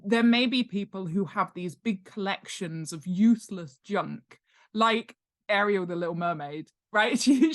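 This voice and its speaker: Speaking at medium pitch, a guest author who specializes in world-building explains ideas in an informal interview. She's animated and emphatic, regularly asking "right?" or "okay?" to check in.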